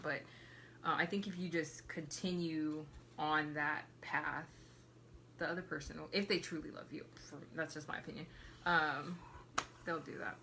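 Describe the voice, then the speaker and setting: A woman from Los Angeles co-hosting a podcast, speaking softly and thoughtfully with many hesitations. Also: deep voice, slight background noise. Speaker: podcast co-host. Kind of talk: casual chat.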